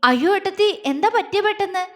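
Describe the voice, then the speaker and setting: A woman's voice: high-pitched, expressive, moderate pace, fairly bright tone, long reverb tail. A woman voicing a playful young man who teases his sister-in-law. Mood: worried. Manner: teasing, playful.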